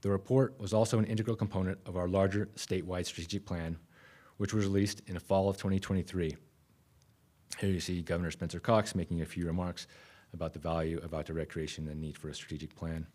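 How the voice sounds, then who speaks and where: A man, giving a conference keynote from a podium microphone in a conference room, measured and with frequent restarts. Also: sits low, flat delivery, a little mellow. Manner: measured, self-correcting restarts. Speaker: keynote speaker.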